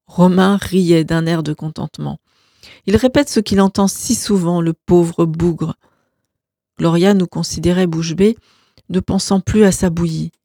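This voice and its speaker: A woman reading a novel aloud as narrator, in calm, even storytelling. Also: fairly low pitch, no echo, studio quality. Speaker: audiobook narrator.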